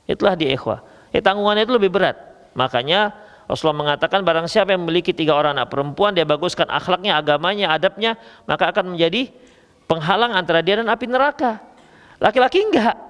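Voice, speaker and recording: Male preacher, Medan accent, playful lecturing, high lively voice, echoing hall. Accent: Medan Indonesian. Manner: lively, joking, addresses listeners as ikhwah. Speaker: Islamic preacher. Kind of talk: religious lecture.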